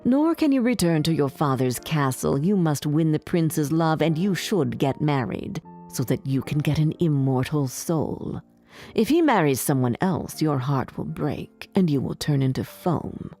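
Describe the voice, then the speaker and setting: A woman doing a slow, low wicked sea witch. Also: animated, dark tone, soft background music, full character voice. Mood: warning. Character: wicked old female sea witch, cold and menacing.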